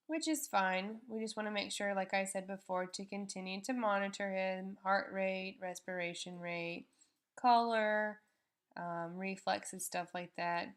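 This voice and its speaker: A woman's voice: medium pitch, a little slow. Woman explaining a veterinary procedure, informal. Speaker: veterinary staff narrating a procedure. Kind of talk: explanatory live demonstration commentary.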